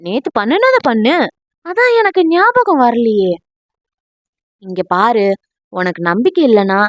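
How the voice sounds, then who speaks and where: A woman's voice: a little high, expressive, takes it slowly, dry recording, dull audio. A woman voicing a playful young husband who teases his wife with theatrical fake wailing. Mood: teasing. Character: playful young husband, teasing and mock-dramatic.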